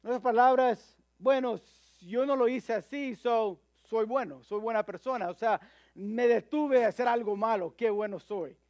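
High-voiced man preaching a sermon. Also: darkish tone, no echo. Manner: halting, with frequent repeated words and fillers.

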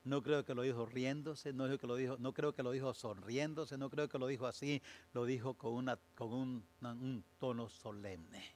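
A male pastor preaching a sermon, moving from measured explanation to slow, emphatic, fervent declarations. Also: medium pitch, fairly even intonation, darkish tone, slight background noise.

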